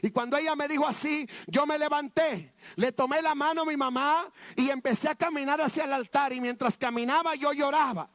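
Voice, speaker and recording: A man's voice: extremely high pitch, a little fast, hardly any pauses, a bit bright, no room sound, studio quality. A man preaching a sermon testimony, fervent and repetitive, often calling out to his listeners as brothers.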